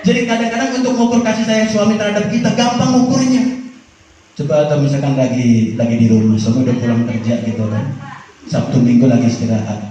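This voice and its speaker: A man's voice: mid-range voice, quick pace, mellow. A man preaching a humorous sermon to mothers, playful and teasing, often putting questions to the audience. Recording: echoey hall, distant and dull mic.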